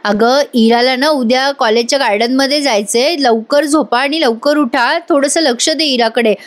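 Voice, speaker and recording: A woman voicing a gentle, worried father who speaks kindly to his family. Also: high voice, normal speed, close to an everyday voice. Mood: caring.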